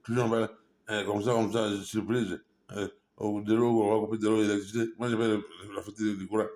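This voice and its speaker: Middle-aged male vlogger, fairly low voice, rambling and aggrieved, mixes French and English. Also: level tone, fairly quick, darkish tone. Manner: agitated, repetitive, often asks "hein?"; switches between French and English. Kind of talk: rambling direct-to-camera monologue.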